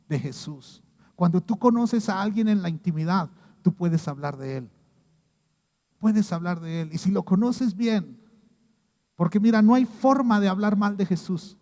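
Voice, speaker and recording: Mexican pastor preaching in a reverberant hall. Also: male voice, high-pitched. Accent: Mexican Spanish. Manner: animated storytelling, acting out the people he quotes. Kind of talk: sermon.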